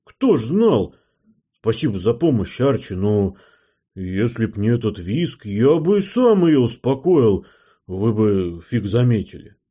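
A man reading an audiobook and voicing a hot-tempered male gnome mechanic who shouts and swears, in a husky voice. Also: lowish voice, very animated, unhurried, exaggerated voice. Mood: defensive.

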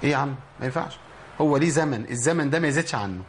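A man's voice: medium pitch, animated, rapid-fire, a little hiss or hum. A man with an Egyptian accent teaching tajweed, asking himself questions and then answering them, and demonstrating letter sounds. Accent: Egyptian Arabic. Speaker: Quran recitation teacher. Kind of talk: tajweed lesson.

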